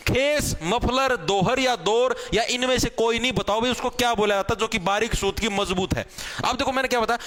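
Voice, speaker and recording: A man's voice: very high-pitched, a little fast, a bit bright. A man with a Haryanvi accent teaching a general knowledge exam class, repeating points and often asking whether the students have understood. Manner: repetitive, addresses students as bhai, checks with "theek hai"; shows cloth samples while explaining.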